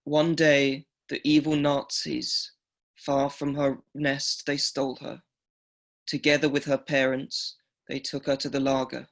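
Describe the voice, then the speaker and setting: An actor playing an elderly male Holocaust survivor from Greece, speaking slowly and haltingly and repeating himself. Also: medium pitch, vocal fry. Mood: wistful. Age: older. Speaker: survivor telling his story. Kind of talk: radio documentary drama.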